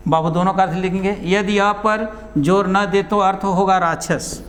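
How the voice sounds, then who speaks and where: A male teacher giving a classroom lesson, dictating notes and repeating each phrase slowly for students to write down. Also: sits high, steady tone, a bit bright, long reverb tail.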